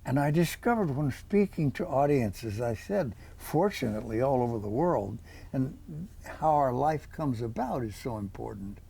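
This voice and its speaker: A man's voice: mid-range voice, animated, normal speed, gravelly, warm tone, breathy edge. A man in his eighties, an author, answering interview questions with rambling, folksy stories full of quoted dialogue. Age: 80s.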